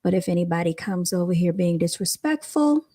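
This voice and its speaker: A woman with a light voice hosts a livestream, chatting informally with viewers into a microphone. Her pitch is fairly low, her intonation lively, her pace a little fast and her tone warm.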